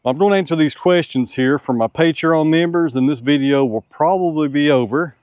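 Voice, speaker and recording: A man's voice: fairly high pitch, fairly quick, darkish tone, dry recording. A tired man answers viewer questions in an easygoing, folksy, frank way, outdoors on a farm. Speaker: sawmill owner and channel host. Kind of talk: casual Q&A with viewers.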